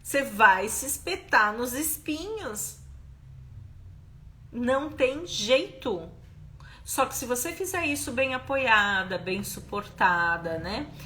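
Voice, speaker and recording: Brazilian woman, live-stream host and therapist, emphatic and animated, a touch high-pitched. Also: takes it slowly. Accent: Brazilian Portuguese. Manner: expressive, emphatic, repeats questions to stress them.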